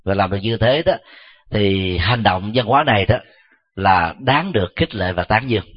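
A man, a Buddhist monk, giving a measured dharma talk and answering questions, pausing often with soft fillers. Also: fairly low pitch. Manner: slow, measured, frequent filler "à". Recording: dull lo-fi recording.

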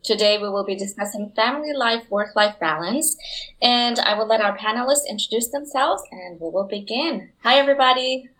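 A woman's voice: on the high side, brisk, fairly bright tone, rough recording. Podcast host lady, moderating the chat, laughs a lot. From Houston, Texas. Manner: friendly moderator, laughs often. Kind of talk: casual podcast hosting.

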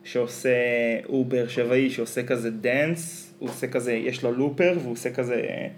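A man's voice: medium pitch, fairly even intonation, darkish tone. A man with an Israeli accent in casual conversation as a podcast co-host. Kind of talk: casual chat. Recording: faint ambient background noise.

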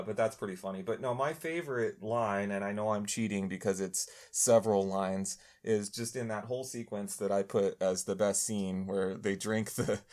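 A man's voice: fairly low pitch, a little mellow. A man co-hosting a podcast, casually chatting about a comedy film, laughing often and restarting his sentences. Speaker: podcast co-host. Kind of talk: casual film review chat.

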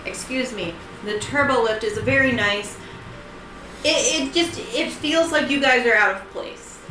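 A woman's voice: a little high, a little slow. A woman narrating a tabletop game casually as game master, in a hesitant, conversational way. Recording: roomy, distant mic, music behind.

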